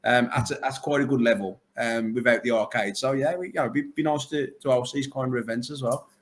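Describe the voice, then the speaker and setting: A man's voice: mid-range voice, steady tone, quick pace. A man, an arcade owner chatting enthusiastically and at length in a casual interview. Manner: enthusiastic, rambling, full of superlatives.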